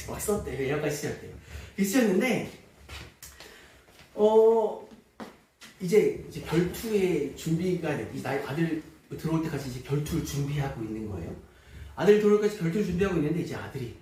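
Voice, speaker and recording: A man preaching a sermon, telling a story in an animated way and often laughing. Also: high voice. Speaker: pastor. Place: church sanctuary. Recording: echoey church hall from far off, faint noise.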